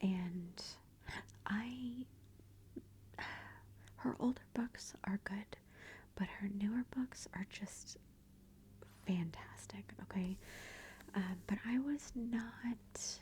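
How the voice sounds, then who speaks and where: Hushed, slow-talking woman doing soft ASMR. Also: medium pitch, a little hiss or hum. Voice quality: hushed, breathy near-whisper. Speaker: ASMR book reviewer. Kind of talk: soft-spoken ASMR book review.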